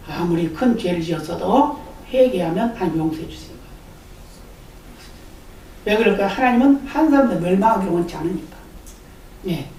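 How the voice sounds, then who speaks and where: A pastor giving a sermon, reading scripture slowly and acting out quoted lines. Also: female voice, mid-range voice, darkish tone, slight background noise. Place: church sanctuary. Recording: echoey church room from far off.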